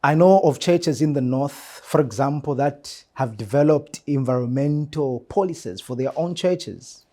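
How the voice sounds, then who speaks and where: Speaking in a medium-pitched voice with a dark tone, a man with a Zambian accent answers interview questions earnestly as a church mission secretary. He is measured and emphatic, repeating phrases to stress his points.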